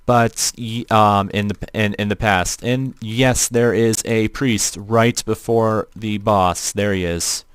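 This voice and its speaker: Robotic-sounding man, low and clear. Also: steady tone, no echo. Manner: halting, repeats and rephrases as he goes. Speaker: livestreamer playing an online role-playing game. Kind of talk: casual gameplay livestream commentary.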